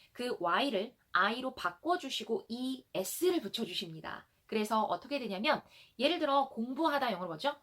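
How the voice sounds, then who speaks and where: A young woman teaching an online English grammar lesson in Korean, explaining step by step and reading example sentences slowly for learners to repeat. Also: a little high, a bit bright.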